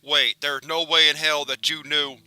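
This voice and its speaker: A man's voice: on the high side, little pitch movement, normal speed, pushed and bright, clean tone, no echo, rough recording. A man voicing a vicious cartoon pelican. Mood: menacing. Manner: profane, taunting, menacing threats. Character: vicious foul-mouthed male cartoon pelican. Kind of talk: horror story reading.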